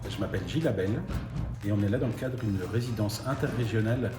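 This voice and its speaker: Low-voiced theatre artist man, halting careful answers, roomy sound. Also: music in the background. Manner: hesitant, careful, many fillers. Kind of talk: interview testimonial.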